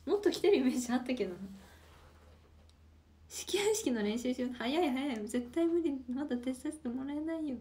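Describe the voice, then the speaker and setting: Young woman, about 19, high voice, playful, chatty livestream, reading comments. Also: fairly quick, warm tone. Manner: playful, chatty, teasing back at viewers. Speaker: idol livestreamer. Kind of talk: casual livestream chat reading viewer comments.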